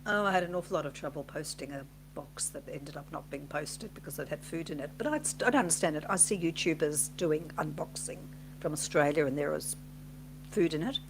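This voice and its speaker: A woman with a New Zealand accent co-hosting a casual live chat, chiming in with quick remarks. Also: low voice. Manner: chatty, joins in with quick remarks and opinions. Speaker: livestream co-host. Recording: steady background hum.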